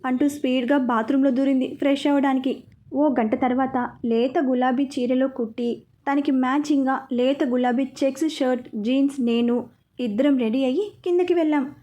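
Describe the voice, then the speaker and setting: A woman storyteller narrating a romance in the first person. Her voice is high and mellow, and she talks chattily, often turning to the listener. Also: steady tone, normal speed.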